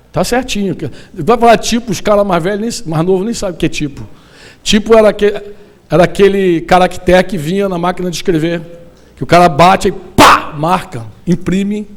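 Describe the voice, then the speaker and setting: A Brazilian pastor preaching a sermon to a gathering of church leaders, lively and colloquial, tossing questions to the audience. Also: male voice, sits high. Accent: Brazilian Portuguese. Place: conference hall.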